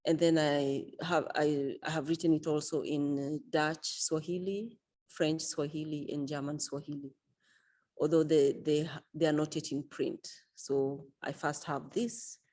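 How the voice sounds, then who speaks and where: At a book launch, a woman who is an author and event organizer discusses her work in a low, mellow, steady voice. Her delivery is measured and unhurried, with frequent fillers and small hesitations in the pauses.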